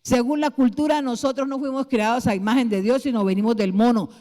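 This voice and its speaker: A woman's voice: a little high, steady tone, a little fast, dark tone. A woman pastor preaching a sermon, putting rhetorical question after question to her congregation. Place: church hall. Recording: long church hall reverb.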